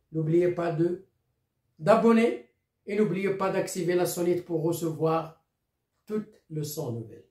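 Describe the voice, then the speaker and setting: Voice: medium pitch, darkish tone. A teacher with a Moroccan accent giving a recorded lesson, patiently repeating and spelling out words, with short explanations in Darija. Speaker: primary school teacher. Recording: echoey room, voice from far off.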